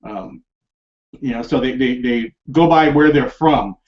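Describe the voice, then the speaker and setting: A man's voice: mid-range voice, measured pace. A man hosting a casual film discussion podcast, rambling with lots of fillers and restarts and laughing often. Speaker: podcast host. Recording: dull lo-fi podcast recording.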